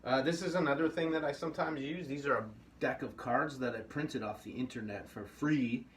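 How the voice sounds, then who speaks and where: A little fast and medium-pitched, a middle-aged man rambles his way through an easygoing puppetry class at a table in a studio room, cheering participants on. The recording is a bit distant, with faint hum in the room.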